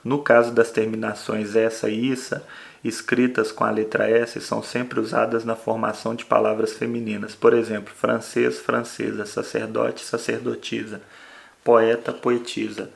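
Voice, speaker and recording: A man's voice: on the low side, completely flat delivery, gravelly. A man teaching a Portuguese spelling and accent lesson, explaining step by step and often checking in with "né?". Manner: explains slowly with frequent "né?". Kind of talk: grammar lesson.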